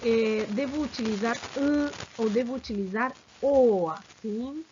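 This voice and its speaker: A woman teaching a grammar lesson, speaking slowly and deliberately and often checking in with her students. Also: a little high. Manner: slow and deliberate, checks in with frequent "sim?". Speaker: language teacher. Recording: dull lo-fi recording.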